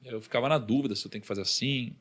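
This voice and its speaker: A man's voice: mid-range voice, very fast. A man with a Brazilian accent, a podcast guest telling a personal story and acting out what others said. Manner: animated, acts out the voices of others in his story.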